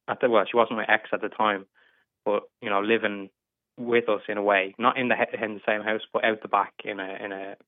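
A young man in his twenties speaks over a tinny phone line, his voice slightly low. He talks hesitantly, stammering and restarting his sentences. The sound is dry, with no room around it. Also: little pitch movement, fairly quick, dry recording. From England. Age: 20s. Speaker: caller. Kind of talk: casual advice call.

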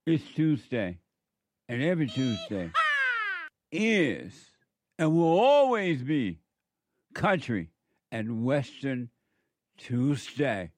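A man speaking as a smooth radio host on a call-in show, at an ordinary middle pitch. He spells out numbers slowly and twice over. The sound is close and dry, with no room around it. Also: big pitch swings, darkish tone, dry recording. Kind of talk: call-in talk show hosting.

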